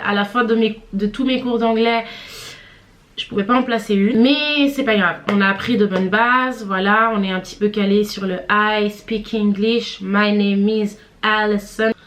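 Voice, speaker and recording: A woman in her twenties telling a story to her viewers in a chatty, slangy vlog. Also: mid-range voice. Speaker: vlogger.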